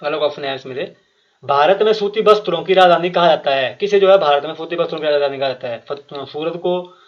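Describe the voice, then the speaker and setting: A fast-talking man from Himachal Pradesh with a slightly high voice teaches an exam-prep quiz lesson, reading each question and its options aloud, repeating them, then explaining the answer. He uses frequent fillers and restarts and speaks directly to viewers. The recording is muffled and lo-fi.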